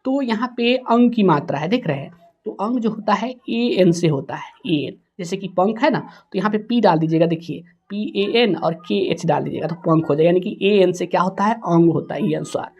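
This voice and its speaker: A woman teaching a spelling lesson, slowly sounding out words letter by letter. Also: fairly low pitch, a little mellow, highs cut off.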